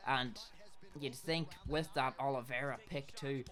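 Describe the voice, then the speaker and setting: Excitable man doing fight commentary. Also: mid-range voice, unhurried. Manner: excitable, shouts at big hits. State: losing his voice from shouting. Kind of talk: play-by-play commentary.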